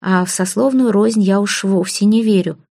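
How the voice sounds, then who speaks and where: A woman's voice: mid-range voice, normal speed, gravelly, mellow, dry recording, clean studio sound. A woman voicing an earnest, impulsive young nobleman who speaks insistently.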